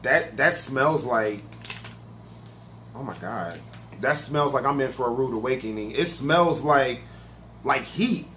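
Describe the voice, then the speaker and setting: A man's voice: mid-range voice, animated, slow pace, long pauses, fairly bright tone, slight background noise. A man casually reviewing a spicy snack on his own video channel, talking loosely and swearing a lot. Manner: profane, laid-back, chatty. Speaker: food reaction vlogger.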